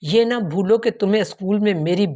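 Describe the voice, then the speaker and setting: A woman's voice: medium pitch, warm tone, close to an everyday voice. A woman doing a curt, bossy teenage girl. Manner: curt, commanding.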